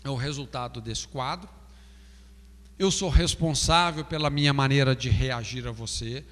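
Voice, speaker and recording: A man's voice: mid-range voice, normal speed, a bit bright, in a large hall. A Brazilian man teaching a pastoral counseling class, asking "não é?" often and acting out example phrases. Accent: Brazilian Portuguese. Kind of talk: classroom lecture.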